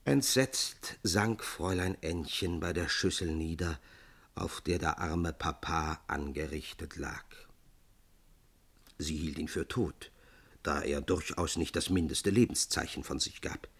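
A man narrating a literary fairy tale in a scripted, expressive reading. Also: a bass voice, a little slow, gravelly, breathy edge.

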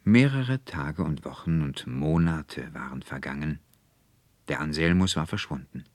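A man narrating a classic literary story in a measured, even reading style. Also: deep voice, no echo. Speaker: audiobook narrator.

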